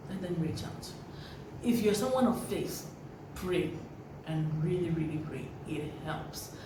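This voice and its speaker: A woman giving earnest, preachy parenting advice to camera, repeating key phrases for emphasis. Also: on the low side. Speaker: parenting vlogger. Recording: very echoey room, voice from a distance, faint noise.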